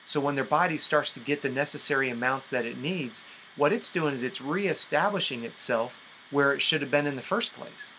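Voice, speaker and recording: A man's voice: medium pitch, pushed and bright, a little hiss or hum, rough recording. A man giving an instructional coaching talk as a sports coach, direct and emphatic, explaining things with rhetorical questions. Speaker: endurance sports coach leading a conference call.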